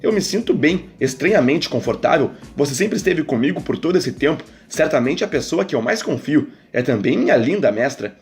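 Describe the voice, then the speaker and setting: A man's voice: a little high, sing-song, brisk, hardly any pauses. A man voicing a naive, earnest young man. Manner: earnest, firm.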